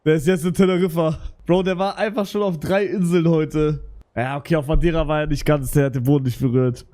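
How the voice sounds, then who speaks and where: A young man live streaming, talking casually in German youth slang, swinging from loud excited shouts to low mutters. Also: brisk.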